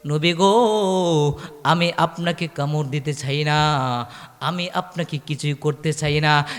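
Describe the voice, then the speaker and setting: A man preaching voices a humble male dog who pleads slowly and softly. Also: sits high, clean tone, in a large hall. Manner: slow, soft, pleading.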